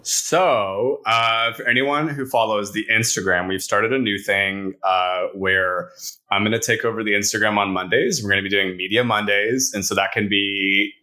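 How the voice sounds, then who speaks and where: Male podcast co-host, slightly deep but bright and forceful, enthusiastic, rambling casual chat. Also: moderate pace. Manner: enthusiastic, rambling, peppers talk with "like".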